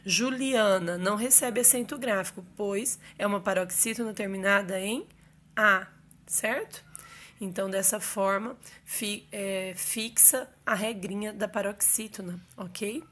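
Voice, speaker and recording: Female teacher voice for a recorded lesson, measured and explanatory, keeps checking that students follow. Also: medium pitch, a bit bright. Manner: explanatory, checks in with frequent "ok?" and "certo?". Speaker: Portuguese teacher. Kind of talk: recorded online grammar lesson.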